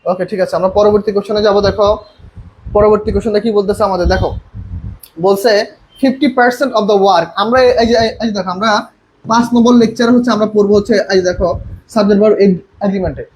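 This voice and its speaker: A young man tutoring English for admission tests in an online class, coaxing students to answer and reading example sentences slowly and deliberately. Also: high voice, steady tone, a little mellow, a little hiss or hum, rough recording. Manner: reads English sentences slowly and deliberately between quick explanations; coaxing, calls students "ভাইয়া" and prompts them to answer.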